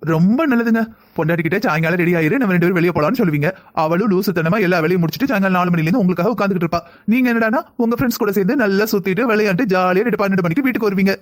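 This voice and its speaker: Brief: a man playing a fretful young cartoon wife, southern Tamil accent, very high and rapid. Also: lightly acted. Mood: reproachful. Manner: pleading, scolding, quick. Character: anxious young wife, worried and reproachful. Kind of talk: cartoon voice acting.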